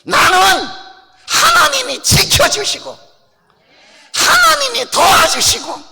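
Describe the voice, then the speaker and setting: A man's voice: very high-pitched, wildly swooping pitch, slow, vocal fry, pitched above the performer's own voice, exaggerated voice. A man doing a ventriloquist act, voicing a bold, sassy middle-aged lady puppet who teases the crowd. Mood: proud. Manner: brassy, teasing, shouting at the crowd. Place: church sanctuary. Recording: long church-hall reverb.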